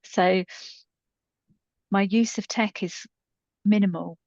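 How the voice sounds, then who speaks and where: A coach and podcast co-host in her fifties speaks slowly in a mid-range, darkish voice with fairly even intonation. Her casual storytelling rambles and is self-deprecating, recorded with a muffled, roomy echo.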